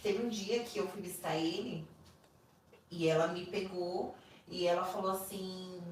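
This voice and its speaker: A woman's voice: fairly low pitch, fairly even intonation, unhurried, darkish tone. A woman with a Brazilian Portuguese accent, a podcast guest telling a personal story with animation and acting out the voices of the people in it. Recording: echoey room, distant mic, faint noise.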